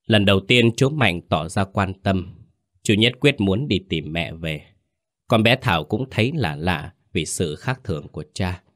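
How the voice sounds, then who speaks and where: A man narrating a horror story in a calm, measured storytelling manner. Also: low-pitched, no echo, studio quality.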